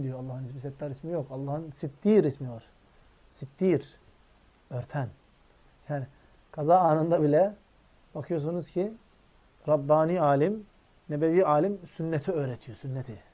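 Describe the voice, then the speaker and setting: Speaking a little fast in a somewhat high voice with a dark tone, an Islamic preacher recites Arabic quotations and unpacks each line. He calls the audience his friends. The sound is dull and lo-fi.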